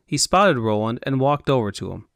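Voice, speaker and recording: A man's voice: mid-range voice, very animated, normal speed, vocal fry, a bit bright, dry recording, clean studio sound. Man narrating a fantasy audiobook. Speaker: narrator and author.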